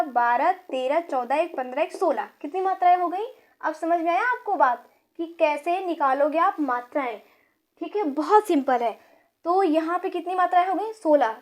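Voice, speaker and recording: A young woman with a high voice teaches grammar in a classroom style, repeating each point and correcting herself. She keeps firing quick questions at her students, checks in with rhetorical questions, and counts through each line and its syllables aloud.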